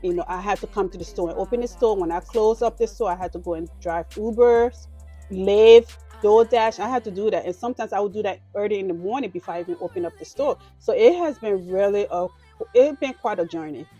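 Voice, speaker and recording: A woman in her thirties, originally from Liberia, answers interview questions about her work in a relaxed, chatty way. She sprinkles in plenty of "you know" fillers as she talks. Faint music plays underneath. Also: medium pitch, a little fast, husky, lo-fi sound. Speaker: business owner interviewee. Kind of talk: casual interview.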